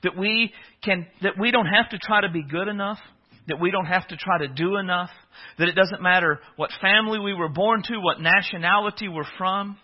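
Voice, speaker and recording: A man's voice: high-pitched, fairly quick. A man preaching a sermon as a pastor, earnest and emphatic, with small restarts as he talks. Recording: dull lo-fi audio.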